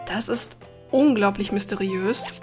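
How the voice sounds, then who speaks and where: A woman playing a video game and reading all of its dialogue aloud in her own voice, with dramatic, expressive delivery. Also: mid-range voice, unhurried, soft background music. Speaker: Let's Play gamer.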